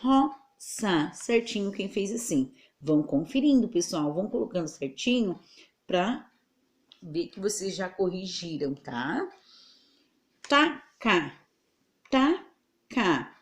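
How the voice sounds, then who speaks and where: A woman's voice: on the low side, animated, darkish tone. A Brazilian woman teacher giving an online lesson to children, patiently sounding out words syllable by syllable. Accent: Brazilian Portuguese. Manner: slow, patient, over-articulating words for children.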